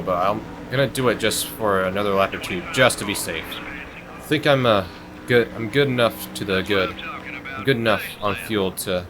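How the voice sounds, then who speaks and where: A young man hosting a gaming channel, giving casual, chatty gameplay commentary that rambles with fillers and turns excitable. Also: on the low side, background noise. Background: game music.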